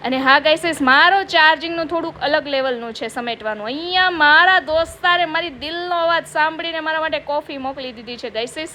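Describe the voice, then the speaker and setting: A woman's voice: high voice, a little fast, few pauses, bright, forceful tone, a little hiss or hum. A woman doing a comic makeup vlog from her office, chatty and self-mocking, calling out to viewers. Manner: playful self-mocking, addresses viewers as guys. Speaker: comedy vlogger.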